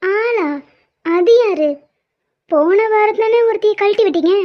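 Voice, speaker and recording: A woman's voice: extremely high pitch, a little slow. A woman voicing a cheeky teenage schoolgirl who teases her family in a cartoon. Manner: cheeky, teasing, sassy. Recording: dull lo-fi sound.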